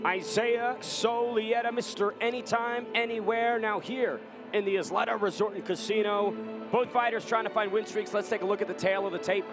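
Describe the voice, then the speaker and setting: A man's voice: sits high, fairly quick, music in the background. A man giving polished live play-by-play commentary on a cage fight broadcast.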